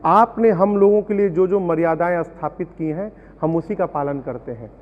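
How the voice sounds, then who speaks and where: High-voiced man giving devotional discourse. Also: normal speed, long reverb tail, lo-fi sound, a little hiss or hum. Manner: explains scripture with verses and parables. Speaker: Ramayana storyteller. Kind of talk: devotional discourse with sung verses.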